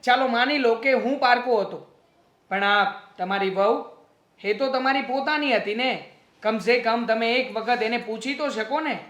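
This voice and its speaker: A man's voice: extremely high pitch, a little slow, fairly bright tone. A man playing a hurt young man who confronts the family with indignant complaints. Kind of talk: family drama acting. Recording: roomy echo.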